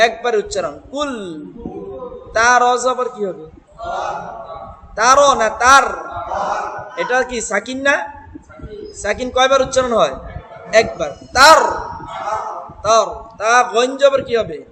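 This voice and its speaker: A man teaching Quran reading, chanting verses slowly and drilling students on letter sounds. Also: very high-pitched, long reverb tail, poor audio. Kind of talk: Quran recitation lesson.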